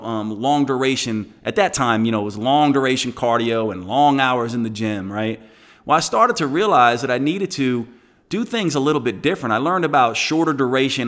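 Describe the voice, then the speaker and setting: A man in his forties telling his story to fitness trainers in an energetic teaching talk, often asking the audience rhetorical questions. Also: mid-range voice. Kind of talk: direct-to-camera teaching talk.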